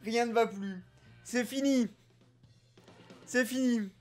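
A man giving excited, jokey gameplay commentary, bursting into loud exclamations. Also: extremely high pitch, slow, faint music behind. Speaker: gaming YouTuber.

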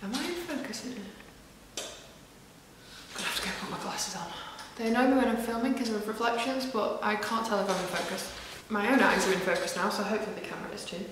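A woman's voice: mid-range voice, quick pace, noisy background. A woman from northwest England, a knitwear designer chatting casually to camera, self-deprecating and full of ums and asides. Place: large echoey room in a house. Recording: very echoey big room.

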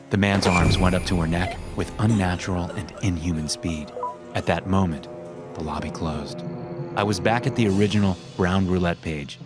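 A young man narrating a horror story in a tense, hushed voice, swearing casually. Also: sits low. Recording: narration over loud music.

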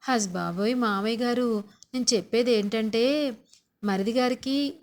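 A woman's voice: fairly high pitch, measured pace. A woman voicing a scheming young daughter-in-law who tattles with sly, wheedling, dramatic sighs.

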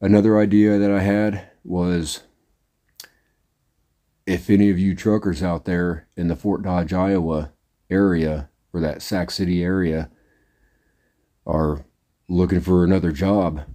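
A middle-aged man talks casually to his audience in a low, mellow voice. He rambles in a plain, down-to-earth way and fills the gaps with "uh" and "anyways." He sounds like a working trucker speaking off the cuff. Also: steady tone, measured pace, pauses often. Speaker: trucker vlogger. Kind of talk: casual monologue to camera.

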